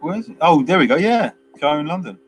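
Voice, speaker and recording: This film-review co-host has a fairly high, sing-song voice and speaks a little fast. He rambles casually, restarting often, using many fillers, and performing quotes, over a faint hiss or hum.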